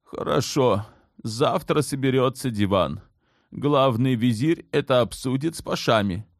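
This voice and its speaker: A man's voice: medium pitch, unhurried, no echo, clean studio sound, pitched above the performer's own voice, lightly acted. A man voicing the sultan's mother in an audiobook, an older woman who speaks firmly and measuredly, clipped when pressed. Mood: soothing. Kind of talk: audiobook character voice.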